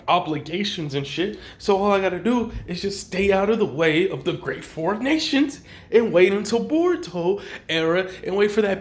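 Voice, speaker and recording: A man telling an improvised fantasy story in a casual, slangy, profane, animated way. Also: high-pitched.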